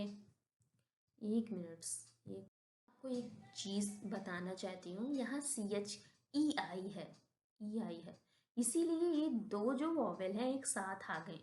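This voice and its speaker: A woman with an Indian accent teaches English vocabulary at a slow, deliberate pace. She thinks aloud, asks rhetorical questions and corrects herself. Her voice rings in an echoey room. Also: mid-range voice, darkish tone. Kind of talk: slow classroom-style explanation mixing Hindi and English.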